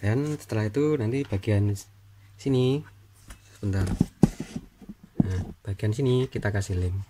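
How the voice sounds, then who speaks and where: In this casual repair tutorial, a man talks viewers through the work as he does it, one short step at a time. His pitch is fairly low and his pace measured, with noise in the background.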